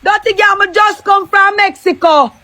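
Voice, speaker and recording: Rich: A very high, piercing Jamaican woman shouts taunts over and over in a heated live-stream quarrel. Her voice is bright and sharp as she hurls crude insults in thick patois. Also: moderate pace, no room sound.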